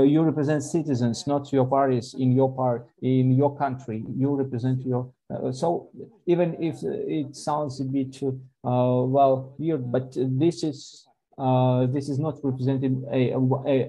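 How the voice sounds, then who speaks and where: A man giving live simultaneous interpretation of a panel discussion, halting and full of fillers and restarts as he keeps up with the speaker. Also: mid-range voice, warm tone, rough recording.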